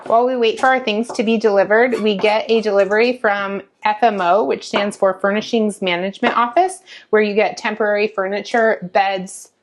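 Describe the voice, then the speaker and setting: A woman's voice: medium pitch, steady tone, moderate pace, hardly any pauses. A woman who is a military spouse, talking through life on base in a matter-of-fact, chatty way with wry asides, recorded on a lapel mic in a small apartment kitchen. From United States. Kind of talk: casual explainer vlog. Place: small temporary lodging apartment kitchen, indoors. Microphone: clip-on lapel mic.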